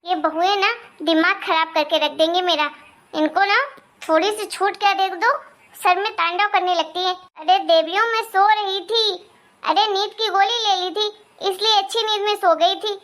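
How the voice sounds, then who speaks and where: An old cartoon mother-in-law, bossy and exasperated, as a woman voices her. She scolds in a very high, thin voice. Her complaints come in a steady grumbling flow. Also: moderate pace. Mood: scolding. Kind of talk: cartoon voice acting.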